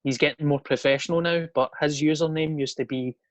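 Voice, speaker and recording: A man hosting a podcast, laid-back and quick to swear and laugh in casual chat. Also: a little high, fairly even intonation, no room sound. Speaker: podcast host.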